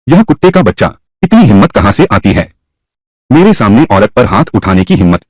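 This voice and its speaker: A man's voice: on the low side, very animated, fairly quick, no room sound. A man voicing a fierce middle-aged mother-in-law who scolds and threatens her son in a dubbed story. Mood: furious.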